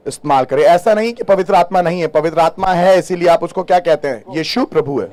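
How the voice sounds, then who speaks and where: High-voiced preaching man. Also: darkish tone. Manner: mixes in English phrases, asks the congregation questions. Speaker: pastor. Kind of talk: sermon. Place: church hall.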